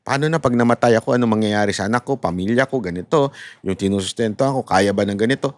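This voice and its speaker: A middle-aged Filipino man with a Filipino accent, giving candid faith-based advice in a lively, conversational way and switching between Filipino and English. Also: on the low side, fast talker, no room sound. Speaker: podcast host.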